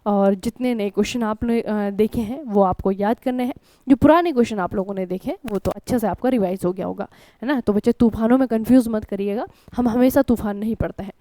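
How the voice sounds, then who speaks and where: A woman's voice: medium pitch, brisk, warm tone, no echo. An Indian woman teaching an online exam-prep lesson in a conversational way, often checking in with her students. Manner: conversational, keeps asking "ठीक है?" and addressing students as children. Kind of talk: online current-affairs lesson.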